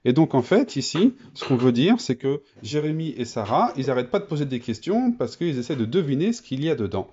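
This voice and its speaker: A man teaching a reading lesson to children, explaining step by step with many pauses and fillers. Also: medium pitch, very animated, warm tone, slightly rough, lo-fi sound.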